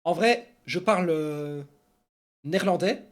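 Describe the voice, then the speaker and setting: This Belgian streamer covers esports news and responds to viewers, rambling casually with many fillers in a lively, chatty way. His voice is a little high, and his pace is unhurried.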